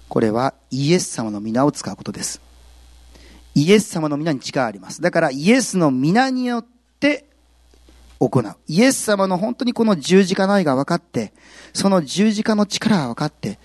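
A male pastor giving a sermon, telling the story with lively, acted-out quotes. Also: on the high side, moderate pace, no echo. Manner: animated storytelling, acts out quotes.

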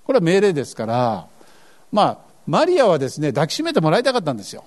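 Male pastor, sermon, high and lively delivery, earnest questioning tone. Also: quick pace. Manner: earnest, asks the congregation questions.

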